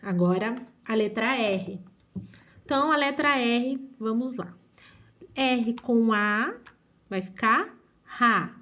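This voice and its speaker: Slow, patient teacher woman. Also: a little high, a bit bright. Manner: slow, drawn-out syllables with frequent checking questions. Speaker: primary school teacher. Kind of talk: online phonics lesson.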